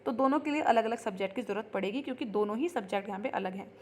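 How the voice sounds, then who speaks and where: A woman teaching English grammar, her voice pitched a little high. She explains patiently, reads each example sentence slowly and keeps checking in with the class. A faint hiss sits under the recording. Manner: repeats ठीक है as a check-in. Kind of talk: recorded online grammar lesson.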